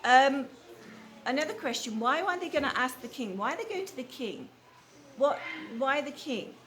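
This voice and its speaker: In a noisy classroom full of children, a woman reads a storybook aloud in a high, expressive, fairly bright voice at a moderate pace. She questions the young listeners as a teacher would and repeats their answers, with background noise throughout the live room.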